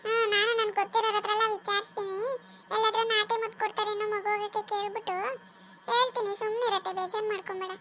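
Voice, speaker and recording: A woman voicing a kind young woman who gently comforts and reassures her aunt in a cartoon drama. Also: very high-pitched, flat delivery, quick pace, a little hiss or hum. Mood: soothing gentle.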